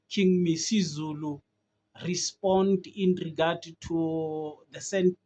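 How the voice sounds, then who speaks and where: A commentator from South Africa with a South African accent, giving an earnest, halting opinion on a vlog with many fillers and restarts. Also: mid-range voice, muffled recording.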